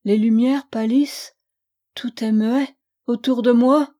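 A woman gives voice to a young opera singer in a storybook, haunted and fading, her words trembling and short of breath. Her voice rises a little above the narration and sounds warm and soft in its timbre. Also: a little high, fairly even intonation, slow pace. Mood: dazed.

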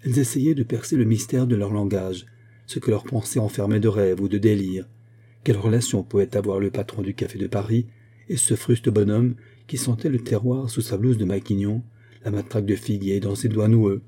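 A man reading a literary story aloud as narrator, in a measured, even manner. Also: lowish voice, husky. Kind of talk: audiobook narration.

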